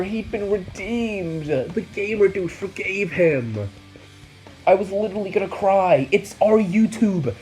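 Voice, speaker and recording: A man on a comedic storytelling vlog, swinging between excited yelps and mock-solemn mutters as he recounts an absurd saga. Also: high-pitched, low-quality recording. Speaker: YouTuber.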